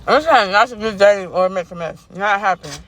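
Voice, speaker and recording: A woman's voice: medium pitch, expressive, brisk, fairly bright tone, slight background noise. A woman food vlogger chatting casually and expressively to camera in slangy, playful speech from inside a car. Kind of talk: casual mukbang chat to camera. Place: inside a car parked on a busy city street.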